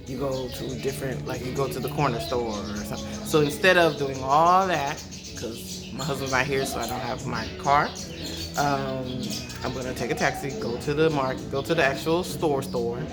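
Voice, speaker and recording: A woman in her thirties with an American accent, chatting casually and slangily to her vlog viewers. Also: a bass voice. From Los Angeles, USA. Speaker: vlogger.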